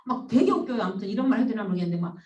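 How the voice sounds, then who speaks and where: A woman counselor giving a storytelling lecture, animated and acting out the voices she quotes. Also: medium pitch, rapid-fire, dull audio. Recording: roomy sound from a distance.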